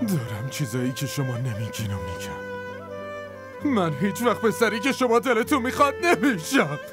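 Drunk, heartbroken young man; slurred and lively in pitch. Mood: bitter. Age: young adult. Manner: slurred, bitter, slow. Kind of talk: Persian dub of a TV drama. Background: music with violin.

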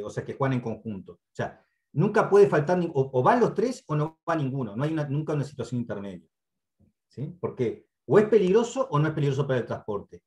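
A man's voice: medium pitch, a little mellow. A man with a Uruguayan Spanish accent teaches over a computer mic on a video call. He explains steadily and patiently, repeats his main points, and keeps checking that the class follows along. His speech is dotted with hesitant "eh" fillers and small restarts. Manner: checks in with frequent "¿sí?". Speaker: instructor. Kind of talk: online training lecture.

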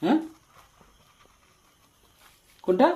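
A man's voice: drawn-out words, warm tone, highs cut off, a little hiss or hum. A man staging a ghost exorcism, asking questions and chanting repeated invocations. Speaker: video maker.

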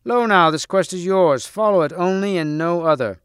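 A man's voice: high voice, expressive, normal speed, fairly bright tone, clean tone, no room sound, clean studio sound, pitched above the performer's own voice. A man voicing a regal king who speaks firmly and formally. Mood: commanding. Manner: firm, formal, commanding.

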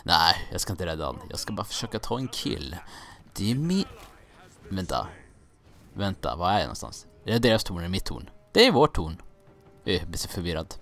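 A man's voice: low-pitched, very animated, fairly bright tone. A young man from Sweden casually commenting on his own gameplay, rambling, joking and getting confused, with some mild swearing. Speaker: gaming let's-player.

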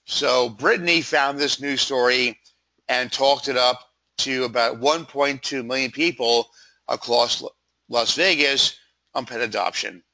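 A man with a froggy voice giving a conversational slide presentation as a sales pitch, informally stressing items in lists. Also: measured pace, bright, forceful tone, rough recording. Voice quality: froggy, throat-clearing voice. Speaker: PR company presenter.

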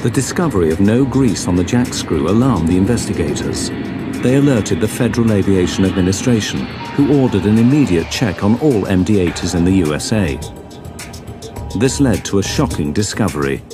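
A man reading scripted documentary narration in a measured, dramatic storytelling way. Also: low voice, expressive. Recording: dramatic music bed under voice. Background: music.

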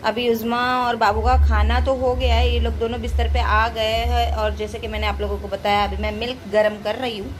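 A young woman from India giving a chatty, loud voice-over for her home family vlog. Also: a little high, a little hiss or hum. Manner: talks loudly and chattily to viewers. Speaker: family vlogger. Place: at home, indoors.

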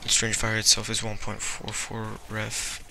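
A man's voice: lowish voice, unhurried, a loud crowd. A man casually narrating his game trades, thinking aloud and rambling with fillers. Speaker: video game trading host. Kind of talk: casual gameplay commentary. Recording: steady background noise.

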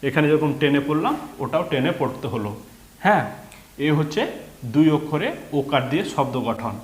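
A man's voice: fairly high pitch, animated. Patient male teacher in an echoey room. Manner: slow, patient, spelling out sounds step by step. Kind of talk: reading lesson for learners.

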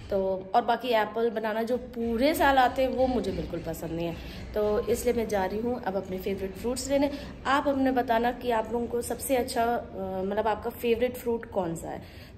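A woman in her forties chats straight to her viewers in a relaxed daily vlog. Her voice sits at an everyday middle pitch, picked up by a phone held at arm's length. A faint hiss runs underneath. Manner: chatty, addresses viewers directly, gestures while talking. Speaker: vlogger. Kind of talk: casual daily vlog chat. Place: home rooms and kitchen, indoors.

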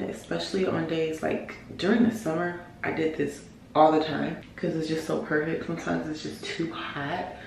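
A young woman vlogging casually at home about her wellness routine, relaxed and chatty with loose fillers. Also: low-pitched, gravelly, slight background noise. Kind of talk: casual vlog chat. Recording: roomy echo, faint room ambience.

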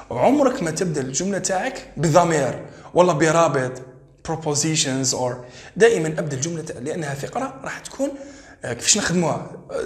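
An Algerian man teaching English for an exam, reading sentences slowly and repeating words to drill pronunciation. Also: fairly high pitch, echoey room. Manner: switches between English and dialect, reads English slowly and drills pronunciation. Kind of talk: exam-prep lesson.

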